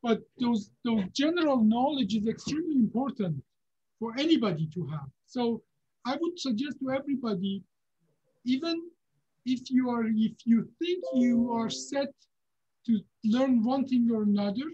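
A man, a neurosurgeon giving unhurried, halting career advice over a video call from a home office. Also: very high voice, animated, warm tone, slightly rough. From Iran. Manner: unhurried, halting, with many fillers and restarts. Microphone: video call webcam. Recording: dull, lo-fi video call audio.

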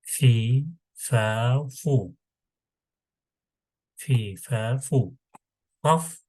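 A man teaching a Quran reading lesson, slowly sounding out letters and syllables in patient repetition. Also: medium pitch, dark tone, dry recording.

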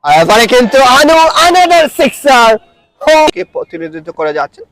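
A man with a Bangladeshi accent doing frantic, excited cricket commentary, stretching out English catchphrases. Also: sits high, fast, poor audio. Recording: loud crowd noise behind. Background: crowd at an outdoor cricket ground.

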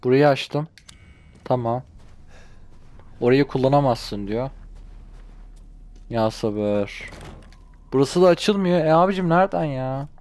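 A man's voice: medium pitch, lively intonation, takes it slowly, pauses often, a little mellow. A young man casually commenting on a game he plays, grumbling and translating the lines aloud. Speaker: gaming channel host. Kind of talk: casual let's-play commentary.

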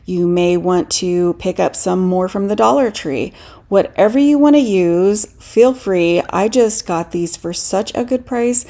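In a voice-over for a DIY decorating tutorial, a middle-aged woman who hosts a craft channel walks through each step in a friendly, instructive way. Her voice sits at medium pitch with a dark tone, and she keeps a measured pace.

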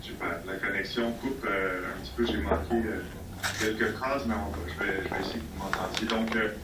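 A man asks his question over a call-in line that keeps buffering and breaking up, so his words stutter and arrive in broken pieces. He sounds far away in a roomy space, with a steady hiss of noise behind him. His voice sits at an ordinary pitch. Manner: halting, broken into fragments with repeated words. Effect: choppy, buffering connection that breaks up. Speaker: reporter calling in. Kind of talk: press conference question over a phone line. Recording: distant, echoey, noisy call-in line.

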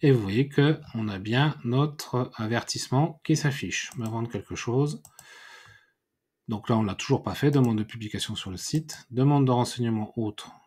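A man giving a screen-recorded software tutorial, thinking aloud and correcting himself as he clicks through menus. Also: medium pitch, slightly rough. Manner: unhurried, thinking aloud with many fillers and self-corrections. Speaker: WordPress tutorial instructor.

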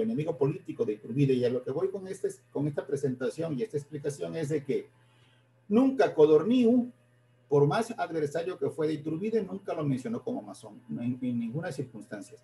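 Guy doing a history stream, kinda high voice but mellow, keeps stopping and fixing what he said. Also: animated, creaky, slight background noise. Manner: halting, self-correcting, repeats words. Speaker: history presenter. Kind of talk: live-streamed history lecture.

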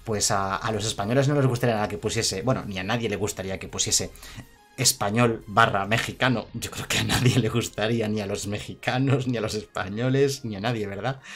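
A man's voice: on the low side, fairly bright tone. A man streaming a card game, chatting casually, reading chat aloud and laughing often. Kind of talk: casual live-stream commentary.

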